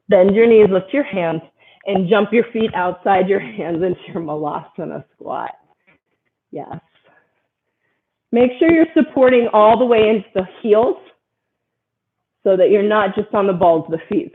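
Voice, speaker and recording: A woman yoga instructor guides a class through poses with brisk, encouraging cues on alignment and breathing. Her voice comes through thin and tinny, like audio over a phone line. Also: medium pitch, a little hiss or hum. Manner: steady stream of short, encouraging body cues.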